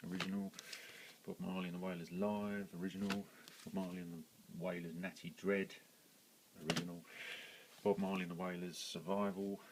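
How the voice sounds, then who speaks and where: A British record collector talks through his shelves in a casual vlog. His voice sits very low, and he rambles along with frequent ums and corrections. A faint hiss sits under the recording. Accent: British English. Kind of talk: casual show-and-tell vlog.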